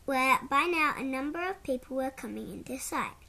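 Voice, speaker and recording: A woman narrating a children's storybook in a measured, clear way. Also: high voice, animated, sharp tone.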